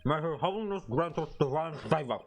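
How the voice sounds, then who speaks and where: A man voicing a solemn old male court official in a wizard-like manner, slow and ceremonial, for a game dub on stream. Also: on the high side, animated.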